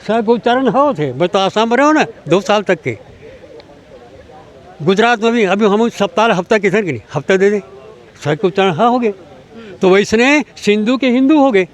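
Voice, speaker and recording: Outdoors, with traffic going by, an older man with a Chhattisgarhi accent, a language activist, answers interview questions with passion. His voice is high and raised, his intonation lively and speed normal, as he lectures forcefully and keeps posing rhetorical questions to his listener.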